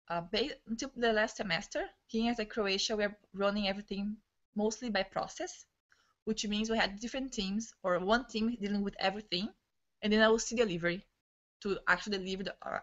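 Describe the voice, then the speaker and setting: A woman runs an online training session, her words tumbling out fast and eager, often restarting mid-word. Her voice sits at a middle pitch. The audio is muffled and lo-fi, like a video call. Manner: fast, excitable, restarts words, non-native English. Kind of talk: live online training talk.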